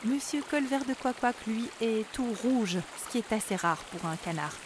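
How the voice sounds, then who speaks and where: A woman narrating a children's story in a lively, expressive way, talking to the young listener. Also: a little high, normal speed, very noisy. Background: background music.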